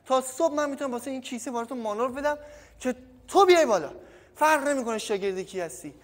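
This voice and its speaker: Recorded on camera audio without a microphone, a gym's long echoing reverb surrounds a very high-voiced man from Iran. He's a boxing coach with a cold, giving an energetic, casual training tutorial by a punching bag, addressing viewers as kids and trailing off quietly.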